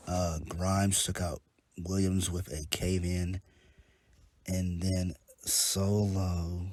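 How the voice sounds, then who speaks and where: A deep, darkish male voice: a man congested from a head cold casually reviews a wrestling show. He's laid-back and rambling, full of ums and uhs, and swears now and then.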